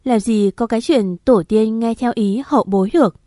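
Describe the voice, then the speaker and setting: A woman's voice: a little high, normal speed, no echo, clean studio sound, lightly acted. A woman doing a stern, domineering old father. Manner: shouting, harsh. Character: stern patriarch father, older man, domineering.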